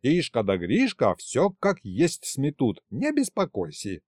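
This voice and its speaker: A man reading an audiobook, voicing a gruff, kindly old man who talks in a low, folksy grumble. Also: wildly swooping pitch, unhurried, darkish tone, no echo, studio quality. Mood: grumbling.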